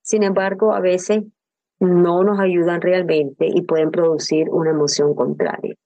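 An older woman with a low, dark, flat voice speaks unhurriedly as a grief counselor in a reflective interview, captured on poor audio. She is earnest and personal and often poses rhetorical questions.

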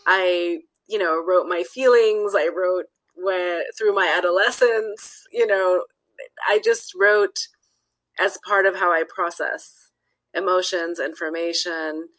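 A woman's voice: lowish voice, fairly even intonation, takes it slowly, a bit bright, poor audio. A woman from Nepal, a guest author talking through her thoughts in a casual interview, often restarting phrases and adding "you know.".

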